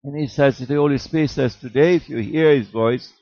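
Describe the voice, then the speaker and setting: A man delivers a sermon in a gravelly, fry-edged voice, piling up phrases and asking rhetorical questions. The recording is dry and a little muffled, with no room sound. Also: medium pitch, a little fast, darkish tone, dry recording. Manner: rhetorical, repeats words for emphasis, jokes with chuckles. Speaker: preacher.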